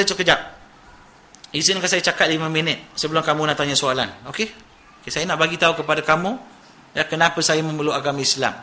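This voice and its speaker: A man, a preacher telling stories in an animated, conversational sermon and mixing in English words. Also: fairly high pitch, a little hiss or hum. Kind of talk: storytelling sermon.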